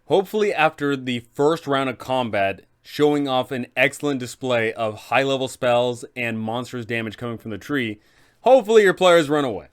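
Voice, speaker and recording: A man hosts a game master guide for tabletop games, narrating in a semi-scripted, explanatory way with dramatic emphasis. His voice is medium-pitched and clean, with lively intonation and a normal speed.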